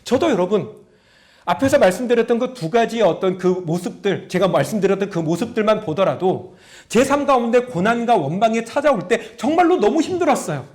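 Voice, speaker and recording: A middle-aged male pastor preaches a sermon in a high-pitched, sing-song, brisk voice. He tells stories, acts out prayers in a raised voice, and talks directly to his congregation, asking them questions.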